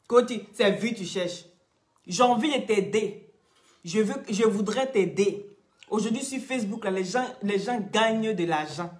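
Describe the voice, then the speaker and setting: A woman's voice: lowish voice, roomy sound. A woman from Cameroon with a Cameroonian French accent, talking on a live stream in a mocking, scolding way and repeating her points. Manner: mocking, scolding, repeats herself, breaks into laughs. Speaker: social media live streamer.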